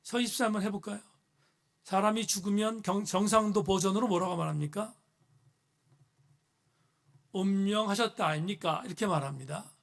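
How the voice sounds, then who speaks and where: A man with a notably high voice delivers a sermon as pastor. His phrases build in earnest emphasis and then settle. He is speaking in a church. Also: fast talker, creaky.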